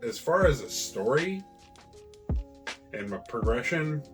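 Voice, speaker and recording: A male podcast co-host in casual gaming talk, animated and joking, with coarse language thrown in freely. His pitch sits in an ordinary middle range. Music plays clearly in the background. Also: slow.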